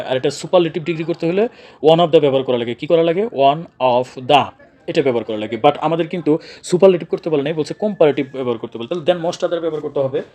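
A man's voice: fairly high pitch, darkish tone, a little hiss or hum. A young man teaching an exam-prep lesson. He explains each answer step by step, repeats key words and asks his own questions before answering them.

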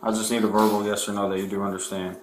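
A man, a police officer speaking calmly and firmly during an arrest. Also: on the low side, quick pace, crowd noise. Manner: calm, firm and repetitive. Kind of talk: arrest procedure. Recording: echoey room with background noise.

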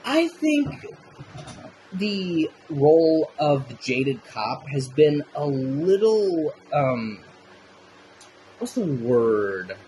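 A man chatting through a film review with loose, unscripted enthusiasm and a casual habit of swearing. His pitch swings widely as he gushes, and a faint noise hums in the background. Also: sing-song, very slow, mellow, rough recording.

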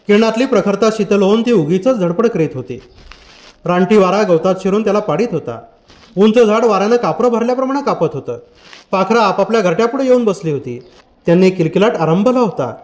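A man reads a novel aloud in a measured, literary way. His voice sits high for a man, and he paces the descriptive passages steadily. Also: darkish tone. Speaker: audiobook narrator. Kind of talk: scripted novel narration.

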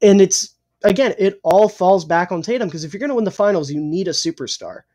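Opinionated young man, husky throat. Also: high-pitched, brisk, a little mellow. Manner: opinionated, swears freely, hot takes. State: losing his voice, clearing his throat. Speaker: podcast co-host. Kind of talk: casual sports chat.

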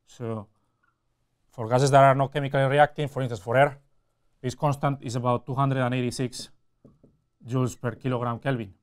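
A man in his forties delivers a technical lecture in a clean, resonant voice of medium pitch. He explains point by point, often pausing mid-phrase before carrying on. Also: flat delivery, clean tone. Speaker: university lecturer. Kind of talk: technical lecture at a whiteboard with slides. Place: indoor classroom or studio with whiteboard.

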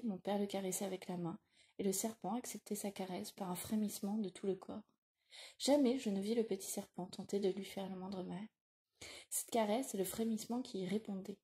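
Woman audiobook narrator, measured and reflective, mellow warm timbre. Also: medium pitch.

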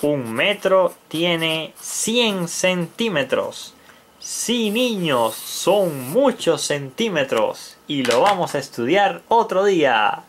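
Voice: medium pitch, expressive, slow, few pauses, slight background noise. A teacher giving a math lesson to young children, patiently repeating key words and counting aloud while writing.

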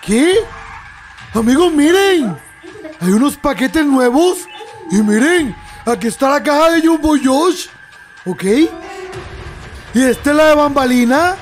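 A young man with a very high voice talks through a game as a let's-play host. He jumps from chatter to sudden yelps and laughs often. Soft game music plays underneath. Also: unhurried, long pauses. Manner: excitable, laughs often, yelps and exclaims at scares. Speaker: gaming YouTuber. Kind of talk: excitable let's-play commentary.

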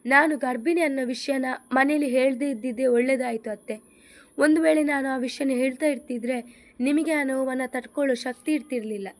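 A woman's voice: high-pitched, brisk. A woman voicing a grief-stricken young wife who speaks in a tearful, accusing way in an audio story.

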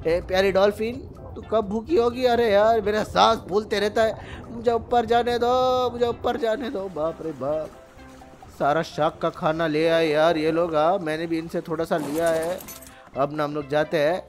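High-voiced, excitable male gamer. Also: normal speed, soft background music. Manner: playful, excitable, chatters to in-game animals. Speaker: gaming YouTuber. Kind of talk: let's-play commentary.

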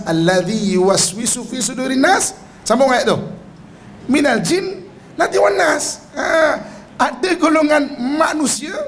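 A Malaysian Malay man preaching in a mosque, his voice sitting unusually high. He keeps his listeners involved with questions and acts out voices in a joking way. A faint background noise runs under the recording. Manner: playful, mimics whiny and scheming voices, engages audience with questions. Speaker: religious teacher. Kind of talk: mosque lecture, humorous sermon.

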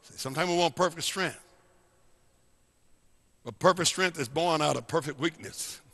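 A male pastor preaching a sermon, swinging between loud and hushed lines and repeating phrases. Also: fairly high pitch, normal speed, big-room sound. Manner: preachy, rising and falling dynamics, repeats phrases. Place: church sanctuary.

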